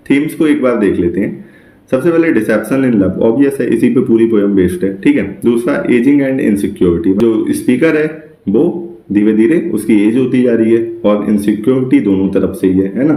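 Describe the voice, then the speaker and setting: A man leads an exam-prep literature lesson, explaining things step by step, checking in with the class often, and reading English lines slowly. His voice is fairly low and mellow, with a reverberant sound.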